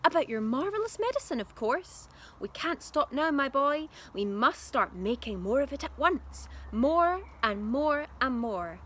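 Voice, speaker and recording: A woman voicing an excitable, blustering father with grand schemes in a children's storybook, speaking emphatically. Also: high voice, unhurried, a little hiss or hum, pitched above the performer's own voice, heavily acted. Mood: feverish excitement. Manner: emphatic, insistent.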